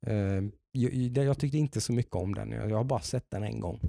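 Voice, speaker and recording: Man, low gravelly voice, dark tone, casual podcast chat, hesitant with restarts, drops in English phrases. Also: dry recording, studio quality.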